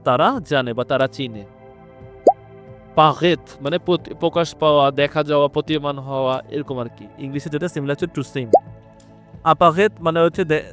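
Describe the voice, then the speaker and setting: Bangladeshi man teaching with patient repetition. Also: a little high. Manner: explains slowly, repeating each word and its meaning. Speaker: French teacher. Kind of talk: spoken language lesson.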